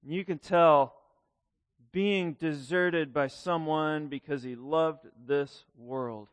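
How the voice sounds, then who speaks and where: A man's voice: on the high side, slow pace, no echo. A male pastor preaching a conversational sermon in a folksy way, often repeating words and acting out quoted lines.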